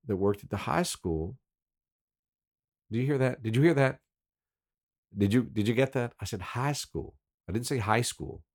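Deep-voiced older man reminiscing at length. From Baltimore, United States. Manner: rambling, self-correcting, fond storyteller. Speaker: radio show host. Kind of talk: rambling reminiscing monologue.

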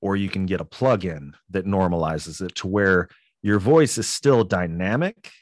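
Man, very low voice, dry close sound, laid-back guest who rambles with fillers. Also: normal speed, dry recording. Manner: relaxed, rambling with many fillers. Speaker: podcast guest. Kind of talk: casual interview chat.

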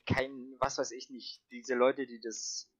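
A man's voice: mid-range voice, little pitch movement, slow, slightly rough, dry recording. A man in a casual chat with a friend, reacting with short comments and casual slang.

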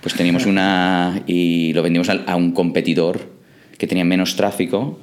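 A man's voice: deep voice, flat delivery, normal speed. A man from England, a startup co-founder, answering interview questions in a hesitant way with many fillers and restarts.

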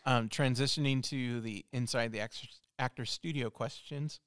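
A woman hosting a casual interview, speaking with a lisp and asking relaxed, brief questions. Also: very deep voice, normal speed, no room sound, clean studio sound. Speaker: interview host.

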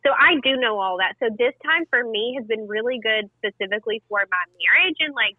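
A woman's voice: a little high, animated, fairly quick, no echo. A woman in her late twenties talking candidly in a casual podcast chat, laughing easily. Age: 20s. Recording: dull, dry, lo-fi sound.

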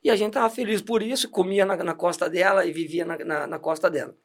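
High-voiced chatty man. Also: fairly even intonation, fast. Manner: chatty, laughing storyteller with many restarts. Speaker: deacon giving testimony. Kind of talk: casual testimony chat.

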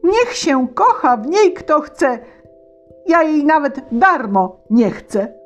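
A woman voicing a foolish young peasant lad, excitable and boastful, in a storybook reading in verse. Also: slow, muffled recording, soft background music. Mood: mocking. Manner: high, excited, exclamatory.

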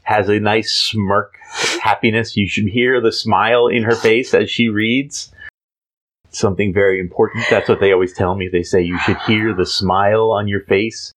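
A man's voice: on the low side, normal speed, poor audio. A man co-hosting a casual chat, describing and reading a comic aloud in a playful way. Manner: playful, jumps into voices, animated. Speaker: podcast co-host.

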